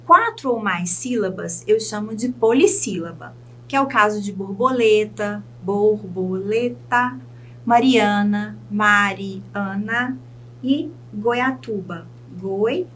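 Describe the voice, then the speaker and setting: Brazilian teacher, woman, mid-pitched, recording a lesson and dictating words one by one, faint hum underneath. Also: lively intonation, fairly bright tone. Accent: Brazilian Portuguese. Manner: slow, clear dictation of words. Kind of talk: video lesson for students.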